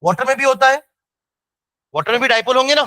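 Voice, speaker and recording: Man, chemistry teacher, high bright voice, dry close sound, keeps checking understanding, slow dictation. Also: lively intonation, no echo. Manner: asks students constantly if they follow, drags out dictated phrases. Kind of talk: classroom lecture with slow dictation.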